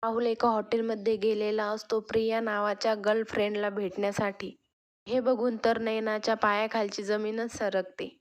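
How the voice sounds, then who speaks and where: A woman narrating a serial recap in a steady, matter-of-fact way. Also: mid-range voice, normal speed. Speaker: storyteller.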